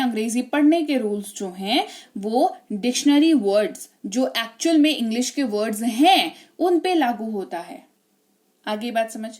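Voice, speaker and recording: A woman's voice: sits high, darkish tone. An Indian-accented woman teaching English spelling rules, chatty and often checking in with tag questions. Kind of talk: spelling lesson explaining rules.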